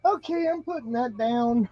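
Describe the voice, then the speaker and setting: A man co-hosting a casual chat, talking slowly with amused remarks. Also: very high-pitched, lively intonation, a little mellow, no echo. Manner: slow, amused, chuckling. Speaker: co-host. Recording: dull lo-fi mic.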